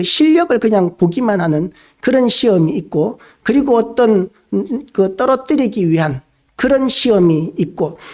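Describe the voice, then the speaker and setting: A man preaching a sermon as a pastor, earnest and steady, posing rhetorical questions to the congregation. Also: sits high.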